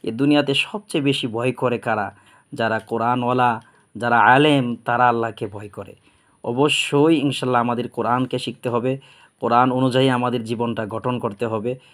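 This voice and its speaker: A man teaching an Arabic alphabet lesson, explaining plainly and then drawing out each letter slowly three times. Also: medium pitch, fairly even intonation, fairly bright tone. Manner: slow, drawn-out letter demonstrations repeated three times; plain instructive explaining with frequent pious phrases. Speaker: Quran teacher.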